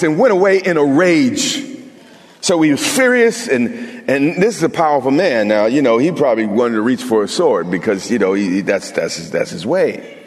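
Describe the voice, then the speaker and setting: A man's voice: on the high side, in a large hall. A male pastor preaching an emphatic sermon, talking straight to his congregation with humorous asides.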